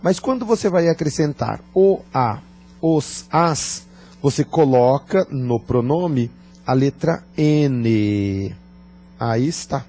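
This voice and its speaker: A man teaching a grammar lesson, talking deliberately, joking and quizzing his class. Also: medium pitch, lively intonation, dark tone. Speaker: Portuguese teacher.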